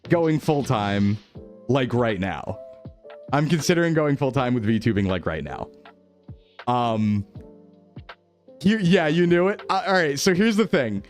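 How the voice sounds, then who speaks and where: A man's voice: mid-range voice, sing-song, takes it slowly, long pauses, faint music behind. A male VTuber chatting casually with his stream viewers, playful and jokey, heard through livestream headset mic audio. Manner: playful, jokey, laughing often.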